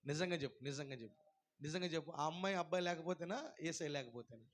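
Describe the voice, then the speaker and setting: A pastor preaching a sermon, swinging between loud proclaiming and hushed, tender asides, now and then singing hymn lines slowly. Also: male voice, on the high side. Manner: breaks into slow sung hymn lines.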